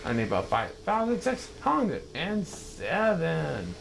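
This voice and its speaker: A man's voice: wildly swooping pitch, takes it slowly, vocal fry, a little hiss or hum, heavily acted. A man doing Yertle, a bragging turtle king. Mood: indignant. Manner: shouting, grandiose, high and strained. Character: pompous boastful male turtle king, bossy.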